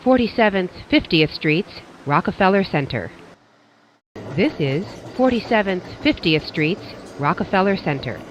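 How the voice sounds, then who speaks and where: A prerecorded subway stop announcement built from spliced-together words, so the station names leap in pitch against the carefully enunciated phrase around them. The sound comes through a muffled train loudspeaker. A faint rumble of the moving car hangs behind it. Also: very animated, measured pace. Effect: spliced together prerecorded words, station names jump in pitch. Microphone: train public-address speaker.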